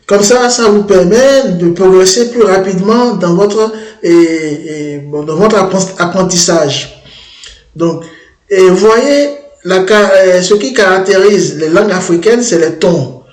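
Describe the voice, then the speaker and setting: A man leads a screen-demo tutorial for a language-learning app, his voice pitched high and his delivery slow. He talks haltingly, often restarting and repeating words. The recording carries a noticeable room echo.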